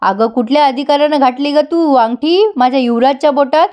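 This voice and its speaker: A woman's voice: high-pitched, a little fast, a little mellow, lightly acted. A woman voicing a domineering older matriarch who scolds and gives orders. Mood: scolding.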